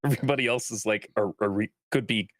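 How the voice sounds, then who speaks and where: A man running a live-streamed tabletop game as dungeon master, talking in a relaxed way with lots of fillers and easy laughter. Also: fairly low pitch, fast talker, soft background music.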